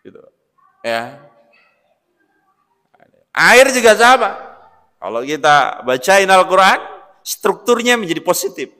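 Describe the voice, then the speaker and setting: Male preacher, bright forceful tone, high-ish pitch, animated loud-soft delivery, long hall reverb. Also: slow, pauses often. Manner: animated, swings between loud emphatic bursts and quiet asides; keeps addressing listeners as "Pak". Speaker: Islamic preacher. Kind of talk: lecture-style religious sermon.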